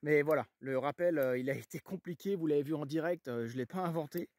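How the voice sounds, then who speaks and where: A man with a French accent chatting casually to viewers in a relaxed way while walking his dogs outdoors. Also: on the high side, fast, no room sound. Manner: chatty, relaxed, lots of fillers, shouts to his dog. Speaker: vlogger. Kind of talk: casual vlog chat. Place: outdoors on a country walk, then at his camper.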